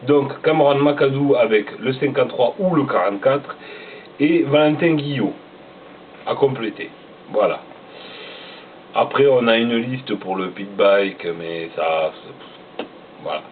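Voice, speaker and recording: A man talks casually at an unhurried pace, often stumbling over names and laughing at himself. His voice sounds thin and phone-like, as if picked up from a distance, with faint noise behind him. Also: mid-range voice. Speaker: motocross vlogger. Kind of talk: casual chat reading out a rider list. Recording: tinny phone-like sound from away from the mic.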